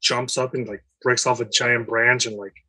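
A young man co-hosting a casual film chat, animated and quick to laugh, swearing now and then. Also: medium pitch, no room sound, poor audio. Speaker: podcast co-host.

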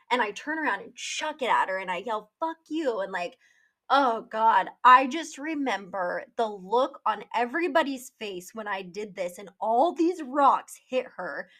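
A woman's voice: fairly high pitch, fairly bright tone. A woman hosting a podcast, telling a personal story in a casual, candid way, swearing freely with plenty of fillers. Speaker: podcast host.

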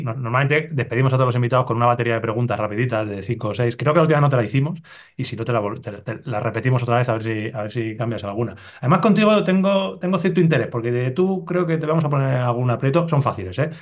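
A man from Spain hosting a casual podcast, leading quick-fire questions in a friendly, joking way. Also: mid-range voice. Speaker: podcast host.

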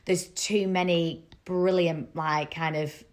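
Enthusiastic woman, lower voice. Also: steady tone, takes it slowly. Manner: enthusiastic, agreeing, drawing her co-host in. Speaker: wedding makeup artist, podcast co-host. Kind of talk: casual podcast chat.

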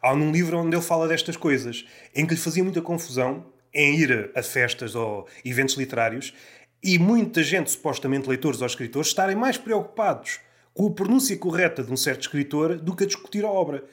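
A man with a European Portuguese accent talks with a slightly raised pitch, reflective and measured. He builds his points carefully in a casual podcast conversation. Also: a bit bright. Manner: reflective, measured, fond of quotations.

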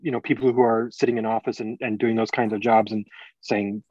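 A man's voice: on the low side, level tone, a little fast, a little mellow, dry recording. Man on dull, distant audio. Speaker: podcast guest. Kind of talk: casual chat.

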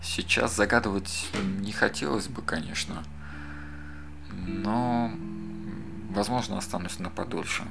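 Deep gravelly man musing aloud. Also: a little slow. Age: 30s. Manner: rambling, digresses and talks straight to the listener. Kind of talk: casual reflective monologue. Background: loud acoustic guitar music.

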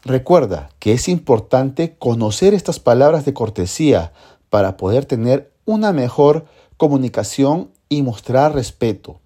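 A teacher giving a scripted language lesson, speaking slowly and clearly and drilling words for the listener to repeat. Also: medium pitch, big pitch swings, warm tone. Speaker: French teacher.

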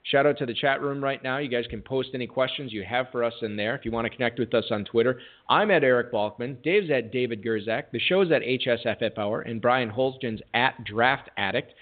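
A man's voice: mid-range voice, fairly quick, few pauses. A man hosting a fantasy football talk show, reading promos with jokey, self-deprecating patter. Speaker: podcast host. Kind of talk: casual sports radio talk. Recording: tinny phone-like audio.

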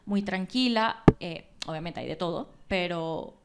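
A woman's voice: fairly low pitch, unhurried, heavy background noise. A Venezuelan woman with a Venezuelan accent, a podcast guest who talks expressively and acts out quotes in casual chat.

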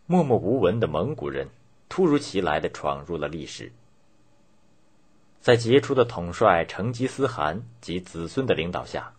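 Male narrator, documentary history style, low pitch, very varied intonation, dramatic measured storytelling. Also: husky.

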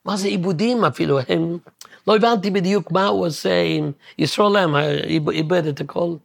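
A man, guest composer, telling a story in a halting way, often searching for words and restarting. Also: high voice, vocal fry, no room sound, studio quality. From Williamsburg, New York. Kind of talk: casual storytelling interview.

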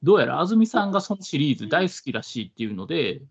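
A man with a Kansai Japanese accent co-hosting a casual podcast, with drawn-out, hesitant phrasing. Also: on the high side, very animated, gravelly, slightly rough. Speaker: podcast co-host. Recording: dull, lo-fi audio.

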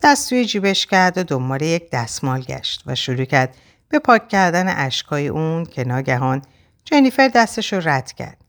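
A woman narrating a novel as an audiobook in a measured, expressive reading. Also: low-pitched.

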